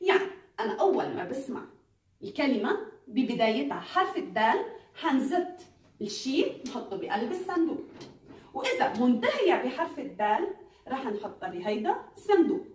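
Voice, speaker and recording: A woman with a Levantine Arabic accent teaching a recorded lesson to young pupils, drawing out letter sounds slowly and praising the class. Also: sits high, sing-song, distant mic, a little hiss or hum. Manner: slow, drawn-out enunciation of letter sounds. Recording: echoey room, voice off-mic.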